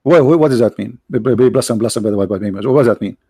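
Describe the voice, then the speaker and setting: A man's voice: lowish voice, fast, warm tone, husky, no room sound, clean studio sound. A man speaking in a combative debate, insistent and repeating his phrases for emphasis. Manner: non-native, ungrammatical English. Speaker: debate host.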